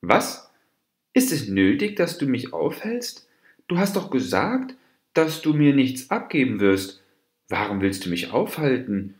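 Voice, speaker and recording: A man's voice: medium pitch, sing-song, measured pace, voice pushed up. A man doing a sly trickster monkey. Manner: wheedling, mock-friendly. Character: sly scheming male monkey, fable trickster. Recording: roomy echo.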